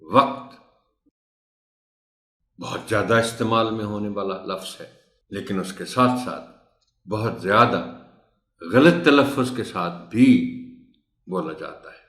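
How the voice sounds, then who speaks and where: A man's voice: lowish voice, fairly bright tone, roomy sound. A man training teachers in a recorded tutorial, reciting a poem with careful rhythm and patiently explaining how words are pronounced.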